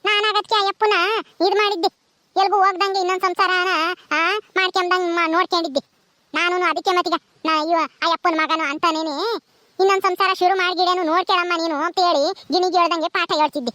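A woman's voice: very high voice, flat delivery, fast, dry recording. Woman doing a deaf old village granny. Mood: scolding. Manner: loud, repeats "ha?" as if hard of hearing. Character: deaf old village grandmother, scolding and talkative. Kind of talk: village comedy voice acting.

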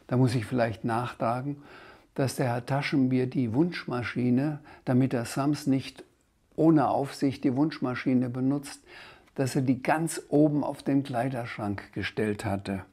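A man with a German accent reading his own children's book aloud, in a lively, expressive way with occasional asides. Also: medium pitch, a little slow. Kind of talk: storybook read-aloud.

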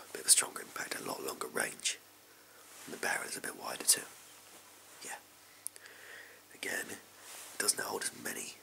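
A man's voice: rumbling low, creaky, sharp tone, heavily acted, poor audio. A young English man in a whispered role-play, playing a shady, amoral backstreet gun dealer with furtive, clipped, offhand sleazy salesman patter. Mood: furtive, selling. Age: young adult. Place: small indoor room at home. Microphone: close to the camera.

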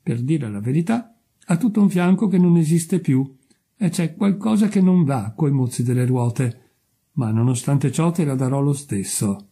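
A man's voice: a little high, lively intonation, moderate pace, warm tone, husky. A man voicing a selfish miller who talks in a pompous, self-righteous way. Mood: smug.

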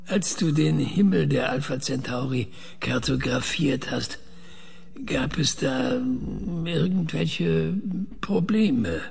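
Slow, husky male researcher, played by an actor. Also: fairly high pitch, darkish tone, exaggerated voice. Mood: clinical, probing. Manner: measured, deliberate, clinical questioning. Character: male researcher, methodical, probing and controlling. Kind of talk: science fiction audio drama.

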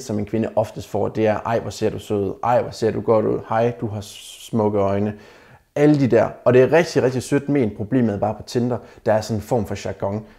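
Gravelly dark-voiced guy ranting dating advice at the camera, blunt and mocking. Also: lowish voice. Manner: blunt, mocking critique, addresses viewers as guys. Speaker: dating advice video maker. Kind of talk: casual advice commentary to camera.

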